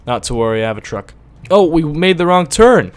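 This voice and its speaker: A man's voice: a little high, very animated, brisk. A man whose first language is Latvian, rambling through casual gameplay commentary, cursing and bursting out whenever the driving goes wrong. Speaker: gaming video host.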